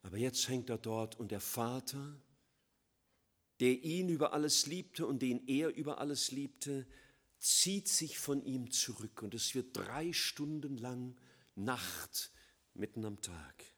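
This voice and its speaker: A man preaching a sermon, swinging between loud emphatic lines and quiet, low, slow passages. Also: expressive.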